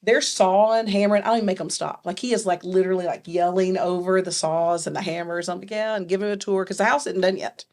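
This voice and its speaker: A woman telling a story as a guest, lively and quick with her asides. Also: on the low side. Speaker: nonprofit founder, guest. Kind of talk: animated storytelling.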